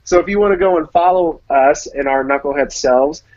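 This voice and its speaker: A man's voice: a little high, fairly quick, a little mellow, no echo. A man co-hosting a wrestling podcast in a laid-back, playful chat, and signing off the show. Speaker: podcast co-host. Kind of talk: casual chat. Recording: dry, dull lo-fi sound.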